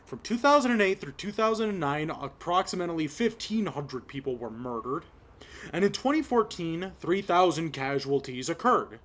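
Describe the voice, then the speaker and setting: A young man from Las Vegas speaks his mind in a personal commentary video. His fairly high voice swings widely, and he talks slowly and deliberately. He sounds choked up at times and climbs into angry, raised outbursts. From Las Vegas, Nevada. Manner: slow, impassioned, rising to shouts of anger. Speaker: vlogger.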